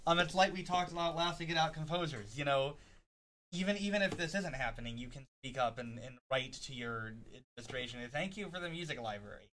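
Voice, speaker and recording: A man hosting a casual news rundown, halting often with fillers and restarts. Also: fairly high pitch, sharp tone, slight background noise, rough recording. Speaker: podcast host.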